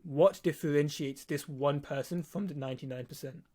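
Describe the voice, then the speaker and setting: Speaking at a moderate pace, this young man has a fairly high, mellow voice. He's a nineteen-year-old video editor with a lisp who teaches on his own channel, explaining things informally and bluntly with profanity and emphatic repetition.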